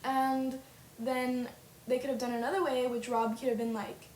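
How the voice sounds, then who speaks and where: A young woman vlogs casually as a fan, gushing and packing her speech with fillers. Her voice is high and a little mellow, with a flat delivery at a moderate pace, captured by roomy webcam audio with faint hiss.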